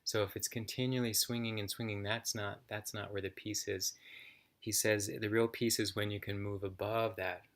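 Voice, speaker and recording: A man, a yoga teacher, reading a daily passage aloud and then reflecting on it in a calm, unhurried way. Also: fairly low pitch. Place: yoga center, indoors.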